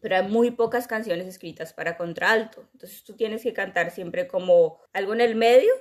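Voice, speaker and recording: A woman's voice: mid-range voice, normal speed. Chatty young woman explaining music. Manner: animated, explains at length, imitates sounds. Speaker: podcast co-host. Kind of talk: casual chat.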